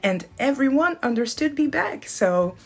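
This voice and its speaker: A woman's voice: high voice, sing-song, unhurried, breathy edge. A woman whose first language is French, speaking casually and self-assuredly in a short clip. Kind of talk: casual speech in an inserted clip.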